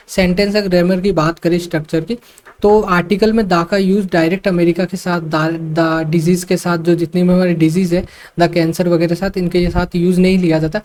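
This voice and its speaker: A man tutoring English grammar for exam students, explaining slowly and repeating his points with frequent fillers and English terms mixed in. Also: high voice, darkish tone. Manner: mixes English terms into speech. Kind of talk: online exam-prep lesson.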